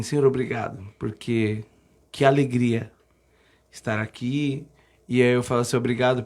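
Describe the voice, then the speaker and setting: A man hosting a podcast in a studio, talking in an earnest, reflective way with halting restarts. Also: medium pitch, darkish tone. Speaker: podcast host, church musician. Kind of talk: casual podcast conversation.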